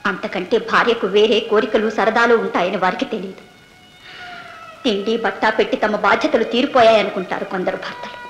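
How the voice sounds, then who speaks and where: A young actress playing a weary, bitter second wife giving quiet, resigned answers in court. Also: female voice, mid-range voice, a little fast, a little hiss or hum, natural voice. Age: young adult. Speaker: witness in court. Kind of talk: 1970s Telugu film acting. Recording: echoey old film soundtrack with music.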